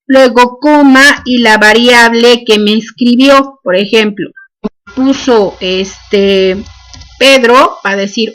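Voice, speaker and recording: A woman's voice: fairly high pitch, a bit bright. A woman, teaching a programming class and dictating each step with "este" fillers. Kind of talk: screen-recorded coding lesson.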